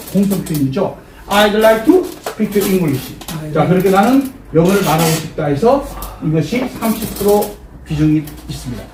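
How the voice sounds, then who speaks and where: A man teaching an English lesson to a class, repeating phrases slowly and cueing the group to answer back. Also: high-pitched, darkish tone. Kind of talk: classroom lecture with call-and-response drills. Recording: echoey room, distant mic, faint noise.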